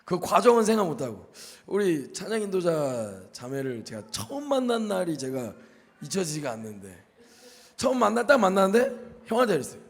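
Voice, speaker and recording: A man in casual faith talk, telling a story in an expressive way and quoting others in lively voices. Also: high-pitched, fairly quick, big-room sound. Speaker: co-host.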